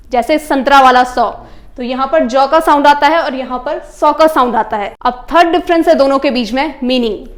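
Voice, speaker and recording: A woman with a high, clear voice explains English grammar to her viewers, whom she calls friends. She dictates example sentences slowly and spells words out letter by letter. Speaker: English teacher.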